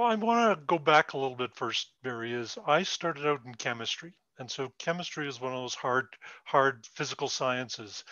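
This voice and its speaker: A man from Canada, a guest on a live stream, explaining ideas in a measured, plainspoken way. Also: mid-range voice, sharp tone, no echo, muffled recording. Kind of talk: casual interview.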